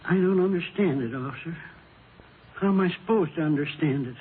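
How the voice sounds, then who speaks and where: In a vintage 1950s radio drama, an actor plays a widower over sixty-five, shaken with grief, anguished and bewildered. His natural male voice is a little high, and he speaks haltingly and politely in plain, folksy language, captured on a tinny, noisy radio recording.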